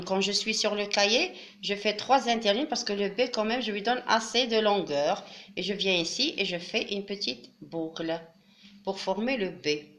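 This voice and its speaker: A woman explaining a classroom craft step by step, patient and methodical, with frequent pauses and fillers. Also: medium pitch, fairly bright tone. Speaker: teacher.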